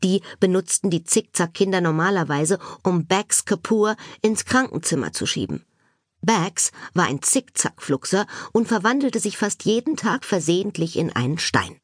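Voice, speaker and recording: A woman narrating a children's audiobook with expressive, playful storytelling. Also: fairly low pitch, moderate pace, slightly rough, dry recording, studio quality.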